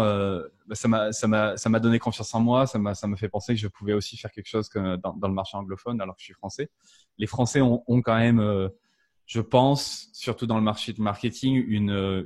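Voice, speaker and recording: Guest in his thirties, fairly low voice, halting, filler-heavy conversational delivery. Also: a little mellow. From France. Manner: hesitant, many fillers and restarts. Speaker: podcast guest, marketing strategist. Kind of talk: casual interview chat.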